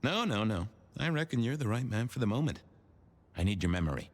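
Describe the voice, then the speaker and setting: An actor playing a genial old vampire detective in the manner of a 1930s beat cop, courtly, wordy and wry in a noir video game. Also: male voice, mid-range voice, big pitch swings, a little fast. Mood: wry, chummy.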